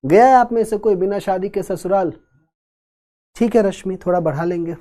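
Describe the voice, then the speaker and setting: A man teaching an exam-prep class, explaining step by step at a slow, deliberate pace and adding joking asides to his students. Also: high voice, mellow.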